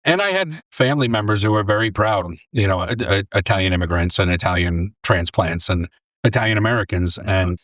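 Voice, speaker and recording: A man from New York in his forties, a deli owner and former English teacher, telling his story in a relaxed, rambling way on a close podcast mic. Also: low-pitched, brisk, dry recording. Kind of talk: casual interview storytelling.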